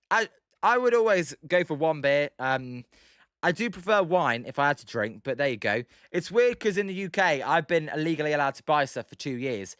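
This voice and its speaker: A young British man in his twenties hosting a livestream, calling pitches and casually answering viewers' chat. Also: a bit bright, clean tone, dry recording, studio quality. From United Kingdom. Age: 20s. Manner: chatty, reads out viewers' names and answers them between pitch calls. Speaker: livestream host. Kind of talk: casual play-by-play with chat replies.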